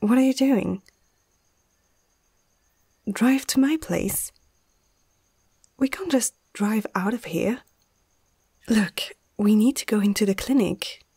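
An amateur ASMR performer plays a young female vet in a fantasy roleplay, speaking slowly and hesitantly in a husky, breathy voice that often drifts into a whisper; she's nervous and reluctant but caring, firm and reassuring. Her voice is on the high side and warm, heavily acted, heard close up, dry, with no room sound.

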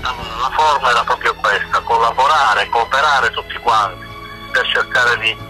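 A sculptor talking by phone over speakerphone into a live broadcast, reflective and hesitant, filling pauses with fillers. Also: male voice, mid-range voice, sharp tone, soft background music. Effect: phone call heard over speakerphone.

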